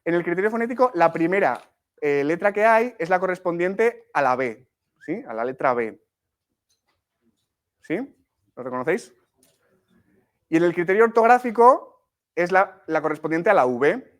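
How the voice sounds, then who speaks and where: A man's voice: a little high, lively intonation, measured pace, pauses often, a bit bright. Man teaching a workshop, checking in often. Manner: explanatory, frequent checks with "¿sí?" and "¿vale?", many restarts. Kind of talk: live workshop lecture.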